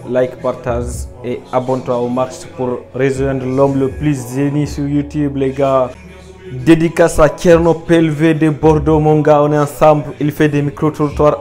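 A young man opens his video with hype and ad-libs, then runs street interviews. His voice sits a little high for a man and stays close and clear on a lapel mic. A faint bed of music runs under his talk. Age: young adult. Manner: energetic, hype, ad-libs like bling and boum. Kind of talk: hyped vlog intro and street interview. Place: small indoor room at first, then busy public streets and malls.

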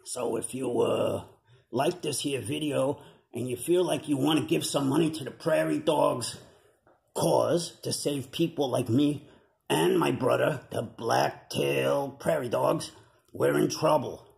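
A man doing a gravelly New York prairie dog puppet. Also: medium pitch, unhurried, a little mellow, roomy sound, voice pushed up. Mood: pleading. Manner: gravelly, chatty tough-guy patter with slang. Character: wisecracking male prairie dog puppet, streetwise hustler. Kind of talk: puppet comedy sketch. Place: home room with a bed.

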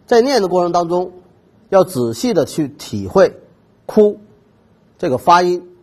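A man's voice: high-pitched, big pitch swings, normal speed. A man giving a trumpet lesson, explaining technique patiently and stressing the key points. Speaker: trumpet teacher. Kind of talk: instructional music lesson narration.

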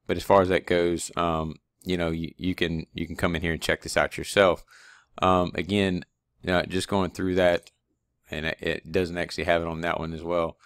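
A low-pitched man talks in a flat, even tone as he walks viewers through his training course in a loose, rambling way full of fillers and restarts. His voice is clean and smooth, recorded close on a dry desk mic with no room sound. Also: moderate pace, no room sound. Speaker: online PLC course instructor. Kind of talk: screen-recorded course walkthrough.

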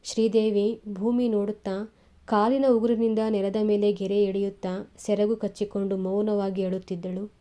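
A woman reading a novel aloud in measured, expressive storytelling. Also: mid-range voice. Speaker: reader of a novel.

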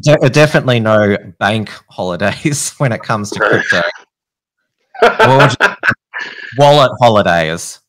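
A man's voice: on the low side, big pitch swings, normal speed, fairly bright tone, no echo. An Australian man in his thirties hosting an interview, with many fillers and restarts. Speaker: host. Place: home studio. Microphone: studio mic on a boom arm.

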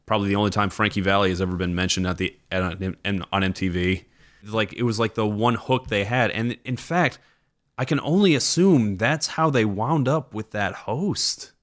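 A man's voice: fairly low pitch, moderate pace. A man hosting a podcast, rambling casually with self-deprecating asides, sounding tired. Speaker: podcast host. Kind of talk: casual chat.

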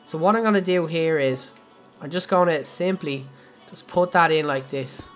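A young Irish man hosts a game live stream, casually showing viewers how to build, chatting and laughing often as he speaks straight to them. His voice is a little high and a bit bright, at a moderate pace, over faint background music.

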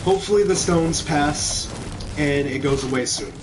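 A young adult man from a small Kentucky town, with an American accent and a slightly high voice, tells rambling, conversational stories while streaming a video game. He speaks at normal speed from a room at home, with background music and background noise in the clip.

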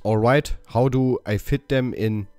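A man talks his way through a game walkthrough at an unhurried pace, stumbling over English lines and fixing them. His voice sounds close and dry, with soft music underneath. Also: mid-range voice, fairly even intonation, no room sound. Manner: reads English dialogue options haltingly, correcting himself. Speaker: gaming channel host. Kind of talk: casual game walkthrough commentary.

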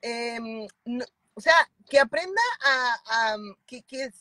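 This woman's voice sits on the high side, slow-paced, pushed and bright, with no echo. She's in her thirties, speaks Chilean Spanish, and is emphatic and fervent as a mentoring client on a video call from a car. The phone is at arm's length.

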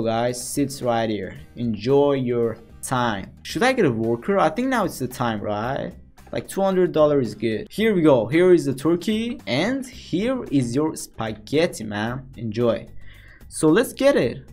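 A man's voice: mid-range voice, big pitch swings, measured pace, darkish tone. A man giving casual, playful commentary as he plays a game, talking to the characters on screen. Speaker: gaming commentator. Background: background music.

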